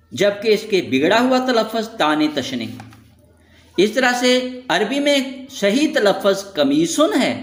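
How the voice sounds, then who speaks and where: Lively high-voiced male teacher, echoey room. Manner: lists words slowly, stressing each one. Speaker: Quranic Arabic teacher. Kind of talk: scripted lesson narration.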